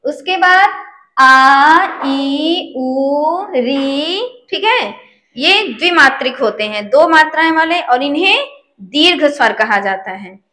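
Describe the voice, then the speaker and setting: A woman's voice: sits high, expressive, slow, pushed and bright. A woman teaching a lesson, patient, often checking whether her listeners understand. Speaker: Sanskrit teacher. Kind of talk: slow classroom lesson. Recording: echoey room.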